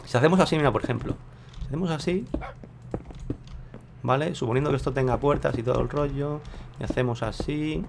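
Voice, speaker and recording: Gravelly man thinking aloud. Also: mid-range voice, fairly quick, pauses often, noisy background. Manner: chatty, unsure, thinking aloud to viewers. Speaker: gameplay video host. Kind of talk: casual gameplay commentary.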